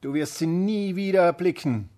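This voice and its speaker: A man voicing a furious old female sorceress in a fairy tale reading, scornful and shrieking, with a husky voice. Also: sits high, expressive, moderate pace, warm tone, pitched above the performer's own voice. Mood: mocking. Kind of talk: storybook reading.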